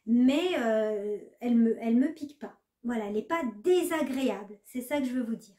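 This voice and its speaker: A woman's voice: a little high, expressive, moderate pace, mellow. A woman knitting vlogger chatting casually to the camera, hesitant, with many fillers. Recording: echoey room.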